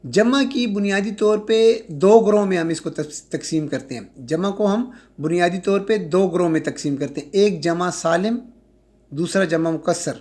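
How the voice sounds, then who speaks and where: High-voiced man teaching grammar. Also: a little mellow. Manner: slow, drawn-out repetition of example words; checks in with "ٹھیک ہے؟". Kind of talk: recorded grammar lecture.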